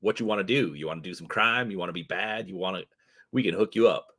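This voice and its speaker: A man voicing a twitchy, shifty male orc drug dealer with fast, wheedling street slang. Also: deep voice, a bit bright. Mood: hustling.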